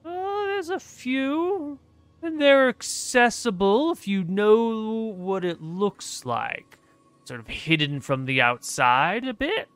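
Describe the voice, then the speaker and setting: A man's voice: high-pitched, expressive, takes it slowly, a bit bright, clear, resonant tone, no echo, soft background music, voice pushed up, exaggerated voice. A man voicing a chatty trader who rambles scornfully about dwarves in a folksy way. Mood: gossipy.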